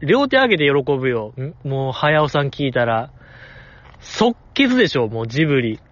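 A man's voice: medium pitch, very animated, normal speed, a bit bright, dull audio. A man with a Kansai accent talking casually outdoors, reviewing voice performances and playfully acting out the lines he quotes. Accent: Kansai Japanese. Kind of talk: casual solo talk. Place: outdoors in the cold.

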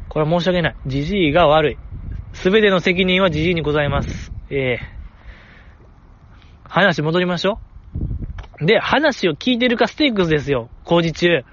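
Kansai man, podcast host, chatty and self-correcting, animated pitch, dull lo-fi sound. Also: slight background noise. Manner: rambling, self-correcting, often apologizing. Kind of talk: casual solo podcast talk.

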